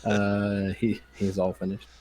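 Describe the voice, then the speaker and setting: Low-voiced man playing a tabletop game. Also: monotone, slow pace, a little mellow. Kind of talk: casual game chat.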